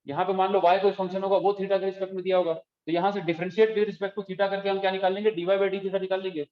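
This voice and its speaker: Male math teacher in an echoey classroom. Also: sits high. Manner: explains step by step, keeps checking students follow. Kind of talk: classroom lecture. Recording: echoey room, dull lo-fi sound.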